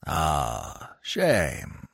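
A fawning, sly jackal, as a man puts him on, dropped much lower and quieter than the narration. He creeps through his flattery slowly in a gravelly murmur. The voice sits close in a dry space. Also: no room sound, heavily acted. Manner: low, soft, wheedling.

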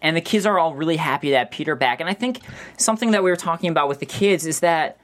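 A man's voice: fairly high pitch, quick pace, fairly bright tone. A man hosting a live show, chatting casually and laughing easily. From Chicago. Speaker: podcast host.

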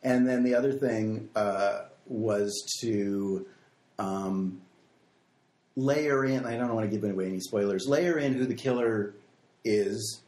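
A man's voice: lowish voice, slow, darkish tone. A man with a standard American accent, speaking casually as an interview guest. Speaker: screenwriter and podcast guest. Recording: echoey room.

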